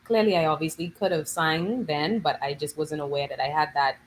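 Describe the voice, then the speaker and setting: A Bahamian woman with a slightly low voice tells her stories with animated energy, full of local slang. The room ambience carries a faint noise behind her. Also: brisk, rough recording. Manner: animated storytelling, lively dialect slang. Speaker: guest musician. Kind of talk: casual interview chat.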